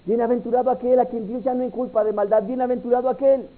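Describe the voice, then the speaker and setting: A man preaching an altar call, moving from hushed pleading to loud, impassioned cries. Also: extremely high pitch, steady tone, fast talker. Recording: tinny phone-like sound with faint music.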